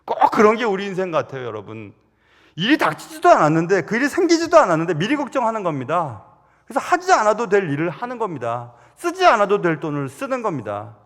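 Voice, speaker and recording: A middle-aged man preaching a Sunday sermon, telling stories with sudden loud rises and soft drops. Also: sits high, wildly swooping pitch, quick pace, big-room sound. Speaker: pastor. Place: large church sanctuary.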